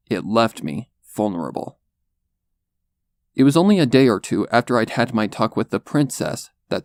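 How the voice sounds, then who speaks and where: A man reading a dark first-person story as a narrator, in a measured, solemn manner. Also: mid-range voice, dry recording. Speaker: fan fiction narrator. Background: music under the voice.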